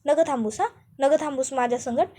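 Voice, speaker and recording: A woman's voice: quick pace, natural voice. A woman voicing a simple, pleading village wife. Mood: coaxing. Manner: pleading, higher and louder.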